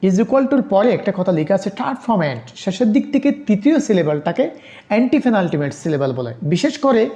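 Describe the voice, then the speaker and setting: A woman giving an exam-prep lecture on English grammar, reading English definitions slowly and spelling out letters. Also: medium pitch, sing-song, dark tone. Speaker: English teacher.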